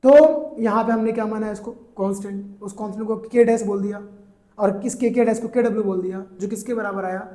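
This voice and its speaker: ऊँची आवाज़ वाले केमिस्ट्री टीचर, गूँजता कमरा. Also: male voice, high-pitched, steady tone, dark tone, reverberant. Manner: asks students rhetorical questions and answers them; mixes English terms into his talk, drawn out slowly. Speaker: chemistry teacher. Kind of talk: classroom lecture.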